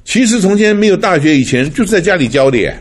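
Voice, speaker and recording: In a sing-song voice that sits high, an older man from Taiwan talks fast through a sermon with personal stories. His manner is chatty and storytelling, with frequent laughter and English words mixed in.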